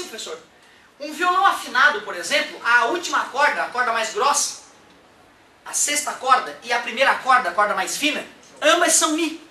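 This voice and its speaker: A man teaching a casual music lesson, animated and chatty, often checking in with his listeners. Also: very high voice, slight background noise. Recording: roomy echo from a distant mic.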